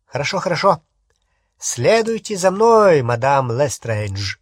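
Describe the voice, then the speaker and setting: Old goblin clerk, formal and slow, read by a man, husky. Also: medium pitch, no echo, studio quality, lightly acted.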